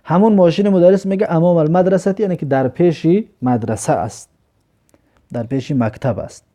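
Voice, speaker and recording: A man teaching an Arabic grammar lesson, reading example sentences slowly and then explaining them patiently. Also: a little high, mellow.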